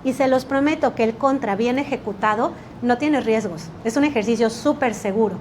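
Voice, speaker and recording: A woman teaching a litigation workshop, energetic and quizzing the class with rhetorical questions. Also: fairly high pitch, moderate pace, a little hiss or hum. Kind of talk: workshop lecture.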